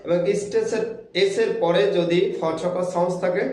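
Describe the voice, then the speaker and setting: A man teaching English pronunciation in a video lesson, repeating each rule slowly and with emphasis. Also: high-pitched, steady tone, darkish tone. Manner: slow, emphatic repetition of rules. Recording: very echoey room.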